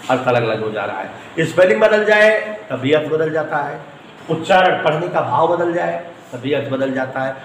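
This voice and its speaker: Guy teaching physics class, kinda high voice, spells stuff out and keeps quizzing the kids, echoey room. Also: a little hiss or hum. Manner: asks students questions, spells out words. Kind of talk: classroom lecture.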